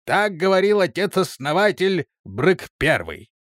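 A man acting out a pompous onion-headed clone captain, voice raised high and loud. He blusters with lively swings, in a dry, close recording. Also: a little slow, dry recording, full character voice.

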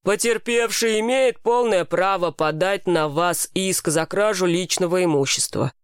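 A woman voicing a stern, measured male police officer. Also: on the low side, smooth, dry recording, studio quality, close to an everyday voice. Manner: strict, measured.

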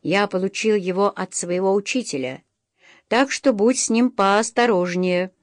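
A gruff middle-aged master blacksmith, as a woman narrator reads him in an audiobook. He talks plainly and firmly, pressing his apprentice on. The voice stays close and dry with no room sound. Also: mid-range voice, a little slow, no room sound, close to an everyday voice. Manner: gruff, a bit hurt, loudly encouraging. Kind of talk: audiobook reading.

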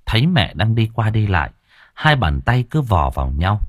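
A man narrating a first-person audiobook, husky and calm. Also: on the low side, moderate pace, no room sound, clean studio sound.

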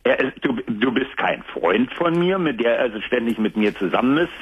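A middle-aged or older man calling a talk show, speaking in a halting, repetitive, earnest way. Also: mid-range voice, expressive, slight background noise. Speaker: caller. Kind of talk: earnest phone conversation. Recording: narrow, muffled phone line.

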